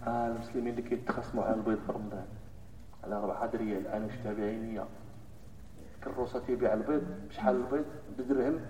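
A man with a Moroccan accent preaching a Friday sermon, moving between hushed solemn recitation and loud animated scolding. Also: medium pitch, a little hiss or hum. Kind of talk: Friday sermon in Moroccan Arabic mixed with classical Arabic. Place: mosque hall. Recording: echoey hall from far off, dull lo-fi sound.

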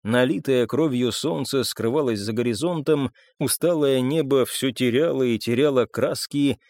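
A man narrates a dark audiobook in the first person from a script, his mid-range voice moving at normal speed. The recording is dry and studio quality.

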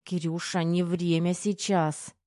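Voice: medium pitch, expressive, brisk, dark tone, dry recording, studio quality, close to an everyday voice. A storyteller voicing a capricious, teasing young pregnant woman in an audiobook, with a pouting, whiny manner. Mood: strained.

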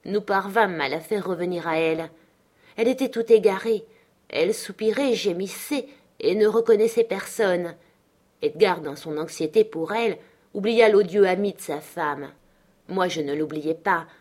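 A woman reads a classic novel aloud in a fairly low voice. Her delivery is expressive and dramatic, rising with the tension of the scene. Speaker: audiobook reader. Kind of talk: audiobook narration.

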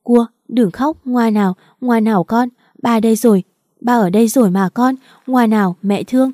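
Woman narrator voicing a young mother, tearful, pleading, mellow voice, dry close sound, audiobook. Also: on the high side, moderate pace, dry recording, close to an everyday voice. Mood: soothing tearful. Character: young mother pleading at her husband's bedside.

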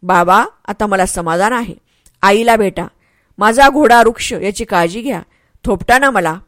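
A woman's voice: medium pitch, a little slow, dry recording, clean studio sound, lightly acted. A woman voicing a brave young male warrior, a dying son who speaks earnestly and pleads tenderly. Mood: pleading.

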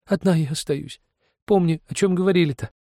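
A man voicing a devoted young village girl who pleads through tears in a breathy whisper. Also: on the high side, a little fast, warm tone, dry recording, studio quality, pitched above the performer's own voice, natural voice. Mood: tearful pleading.

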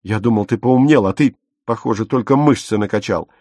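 A man voicing a young man, a calm older brother who argues firmly and reasonably, in an audiobook. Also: lowish voice, a little fast, no echo, studio quality, natural voice. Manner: firm, reasoning.

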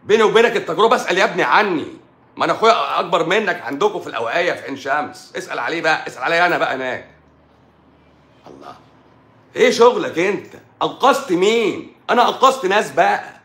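A middle-aged doctor with an Egyptian Arabic accent rants combatively on a live stream, firing off rhetorical questions. His fairly bright, high-leaning voice is animated and very fast, in an echoey room.

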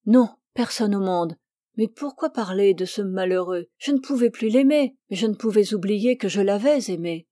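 A woman's voice: mid-range voice, animated, moderate pace, dark tone, dry recording, studio quality, natural voice. A woman reading the part of a frank, spirited young woman painter in an audiobook. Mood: sorrowful.

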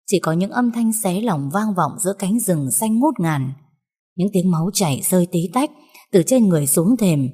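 A woman narrates a story in a lowish, warm, husky voice. Her delivery is measured and somber, and a long reverb follows every phrase.

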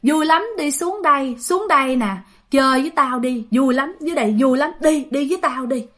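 A woman's voice: high voice, brisk, fairly bright tone. A woman doing a coaxing drowned water ghost.

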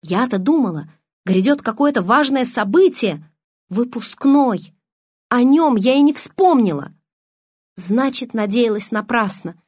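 A woman narrating a first-person audiobook in an expressive, emotional reading. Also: a little high, a little slow, slightly rough, dry recording, studio quality.

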